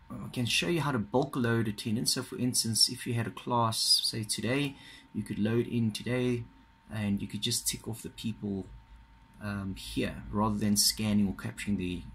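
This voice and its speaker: A man giving a casual, halting walkthrough of a computer system, filmed with a phone pointed at the monitor. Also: lowish voice, vocal fry, a bit bright, a little hiss or hum. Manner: casual, halting, many fillers and restarts. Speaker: software trainer. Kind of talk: screen-recorded software walkthrough. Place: indoors at a desk. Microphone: phone filming a monitor.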